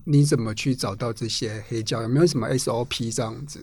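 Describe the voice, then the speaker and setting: A man's voice: medium pitch, fairly even intonation, fast, darkish tone, no room sound. A man with a Taiwanese Mandarin accent hosting a casual interview, asking questions and summing up attentively.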